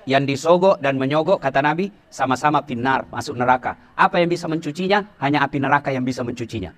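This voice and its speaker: A middle-aged man preaching a humorous sermon to police officers, teasing the crowd and swinging from shouts to hushed warnings. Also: medium pitch, quick pace.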